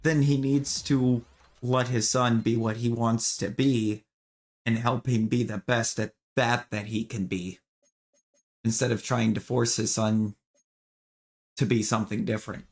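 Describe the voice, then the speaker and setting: An opinionated streamer chats casually with his viewers while gaming, rambling loosely and restarting sentences as he goes. His voice sits at an ordinary male pitch, with little pitch movement and an unhurried pace.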